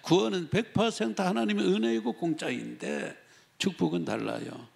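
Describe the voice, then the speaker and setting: A man's voice: high-pitched, moderate pace, creaky, a little mellow. A male pastor preaching a sermon, emphatic and full of rhetorical questions, acting out the feelings of the story in the first person. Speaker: senior pastor.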